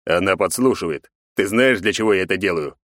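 Man doing cold stern emperor, deliberate growl, contemptuous, storybook, dry close sound. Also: sits low, a bit bright, no room sound.

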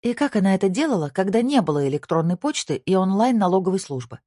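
A woman voicing a sharp young female agent who presses her point with quick questions. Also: medium pitch, big pitch swings, no echo, clean studio sound, voice pushed up. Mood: insistent.

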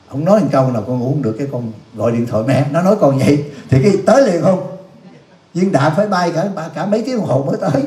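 A man's voice: a little high, mellow. A man, a Buddhist monk, giving a blunt, scolding dharma talk and answering questions from the audience, teasing them with laughs. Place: youth center hall. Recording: echoey hall.

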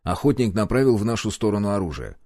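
A man's voice: on the low side, lively intonation, quick pace, dark tone, no echo. A man reading a first-person audiobook in a wry, conversational way. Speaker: audiobook narrator. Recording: dry close-miked voice.

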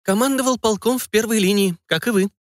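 A man voicing a confident young woman who speaks calmly and with dignity, in a dry recording. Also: a little fast, no room sound, natural voice. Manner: calm, composed, slightly raised pitch.

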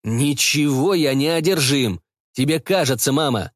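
Defensive, mumbling young detective read by a man in his own voice; lively delivery, dry close sound. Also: on the high side, normal speed, no echo, voice pushed up, close to an everyday voice. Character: flustered young male detective, evasive son.

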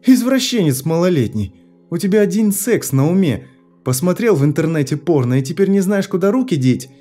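A man reading an audiobook, voicing a frightened, angry young woman who answers in sharp, indignant retorts. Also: sits high, very animated, brisk, soft background music, pitched above the performer's own voice.

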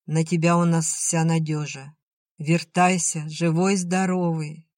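A man's voice: on the high side, level tone, unhurried, a little mellow, dry recording, studio quality, natural voice. A man voicing a stern older village woman seeing her son off to war, in a storybook reading. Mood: gruff tender. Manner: stern, plain-spoken, commanding.

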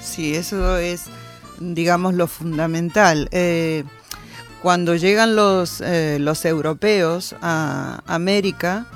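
Measured radio co-host explaining. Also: medium pitch, soft background music. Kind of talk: radio talk discussion.

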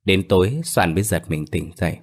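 Deep low male storyteller, steady scripted read. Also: brisk. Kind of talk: scripted narration of a ghost story.

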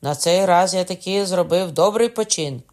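A man's voice: sits high, normal speed, a little mellow, voice pushed up, lightly acted. A man reading an audiobook, voicing an eager middle-aged innkeeper calling out warnings.

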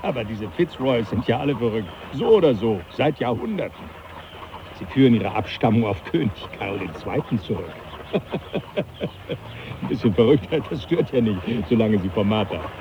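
An actor playing a jovial, teasing professor who laughs often, in a radio play. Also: male voice, lowish voice, lively intonation, normal speed, muffled recording, noisy background. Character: jovial older male professor, mocking. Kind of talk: 1980s radio play acting.

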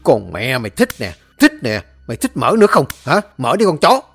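A man playing a crude, hot-tempered young man who shouts in a hurry. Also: mid-range voice, wildly swooping pitch, a little fast, husky, soft background music, heavily acted. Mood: furious.

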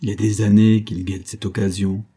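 Impatient, dramatic society mother, voiced by a male reader, husky low tone, audiobook. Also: level tone, a little fast, warm tone. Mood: bitter. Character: anxious scheming society mother, middle-aged woman.

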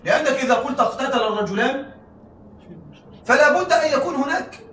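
Male lecturer, rapid and high-voiced, keeps asking the class if they follow; roomy sound from a mic set back. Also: expressive, bright, forceful tone, slight background noise. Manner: checks in with the class, frequent laughing asides. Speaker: teacher. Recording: echoey room, mic at a distance.

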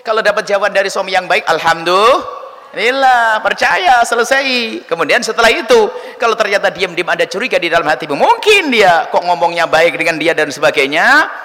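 Animated man preaching in an echoing hall. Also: sits high, fairly quick. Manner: animated, acts out wives and husbands in quoted voices. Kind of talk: sermon answering a question. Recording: long hall reverb.

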